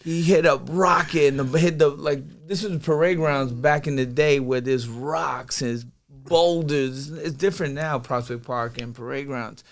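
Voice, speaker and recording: A man's voice: a little high, unhurried, few pauses. A man, telling stories as a podcast guest and acting out the voices of people in them. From Brooklyn, New York. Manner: animated, acts out his father's voice. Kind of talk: casual storytelling.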